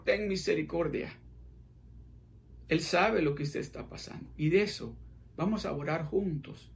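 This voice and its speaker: A man's voice: a little high, vocal fry. A man preaching a midweek sermon, fervent and repetitive, speaking directly to his listeners. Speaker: pastor.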